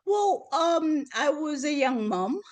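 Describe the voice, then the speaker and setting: A woman in her fifties from Zimbabwe, a guest in an interview, soft-spoken and laughing often, with many pauses and ums. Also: high-pitched, expressive. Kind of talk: interview conversation.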